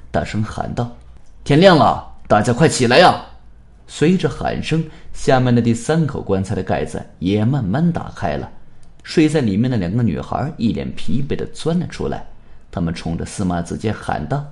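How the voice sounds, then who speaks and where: A man's voice: lowish voice, vocal fry, warm tone. A man narrating a suspense story in a tense, dramatic manner. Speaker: audiobook narrator.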